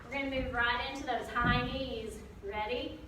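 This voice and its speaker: A woman with a high voice leads exercises like an aerobics instructor, encouraging and informal as she gives form cues. She is recorded at a distance in a heavily echoing room, with faint noise behind her. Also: fairly even intonation, normal speed. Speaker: fitness coach. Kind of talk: aerobics instructor leading a workout.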